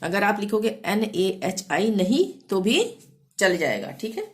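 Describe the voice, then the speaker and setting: A woman teaching a language lesson, spelling words letter by letter and repeating phrases slowly and patiently. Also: medium pitch, expressive. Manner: repeats "theek hai" to check understanding. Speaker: Hindi teacher.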